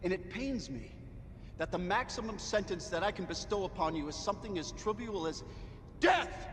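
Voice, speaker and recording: An actor playing a pompous fascist judge in a video game, declaiming in a grandiose, theatrical way. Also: male voice, lively intonation, a little fast, a bit bright. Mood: gloating, solemn. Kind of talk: villainous video game acting. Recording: reverberant hall with rumbling noise.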